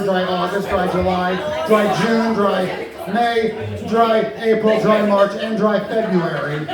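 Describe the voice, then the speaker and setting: Male comic, wry roast toast, unhurried, mic far off in an echoey hall full of laughter. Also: high voice. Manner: wry, teasing, playful sound effects. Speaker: comedian roasting colleagues.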